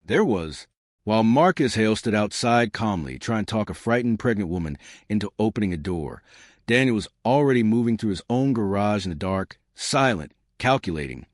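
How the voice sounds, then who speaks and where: In a clean, echo-free studio recording, a man with a lowish, sing-song voice tells a scripted dramatic story at normal speed. He plays a suspenseful storyteller who addresses the listener directly.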